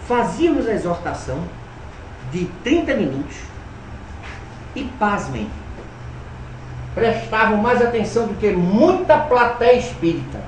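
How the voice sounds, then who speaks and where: A man from Alagoas gives a spiritist lecture, telling personal stories with humor and sudden swings between loud and soft. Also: high voice, a little hiss or hum. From Alagoas, Brazil. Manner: animated, humorous storyteller with dramatic swings in loudness. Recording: roomy hall, voice from a distance, faint ambience.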